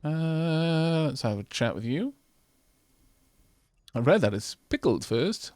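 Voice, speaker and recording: Brief: male streamer, wry and chatty, with a lively, rising and falling voice. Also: a little high, takes it slowly, no room sound, clean studio sound. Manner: wry, reads game text aloud, mutters asides. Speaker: streamer playing a video game. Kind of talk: casual let's-play commentary.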